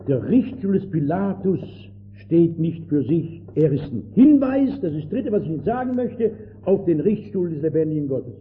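An older man preaching a sermon with fervor, swinging between loud outbursts and hushed words. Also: on the high side, very animated, moderate pace. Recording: tinny old lo-fi recording with faint hiss.

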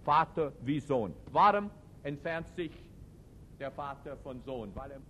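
A man preaching a sermon to a live audience. He speaks emphatically, with non-native German grammar, and moves between loud outbursts and quiet reflection. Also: medium pitch, unhurried, slight background noise. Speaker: preacher and teacher.

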